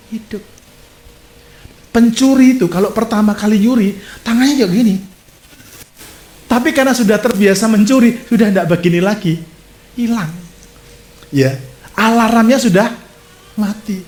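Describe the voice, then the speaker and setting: A man preaching a sermon as a pastor, telling stories with lively gestures and speaking straight to his congregation. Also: high-pitched, a little slow, pauses often. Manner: animated storytelling preacher, addresses audience directly. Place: church. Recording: echoey church hall.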